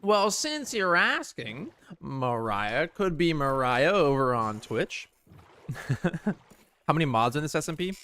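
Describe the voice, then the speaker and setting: A man hosting a relaxed game livestream, talking straight to his viewers. He rambles and trips over his words, often restarting sentences as he goes. His voice sits at an ordinary middle pitch. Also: takes it slowly, clean tone. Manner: rambling, self-correcting, chatting to viewers. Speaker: livestream host. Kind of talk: casual livestream chat while playing.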